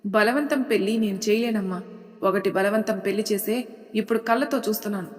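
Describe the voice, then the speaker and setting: A woman storyteller voicing an elderly grandfather who scolds firmly with calm authority; the recording has a long hall reverb. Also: mid-range voice, a little fast, lightly acted. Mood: stern. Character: stern elderly grandfather, head of family.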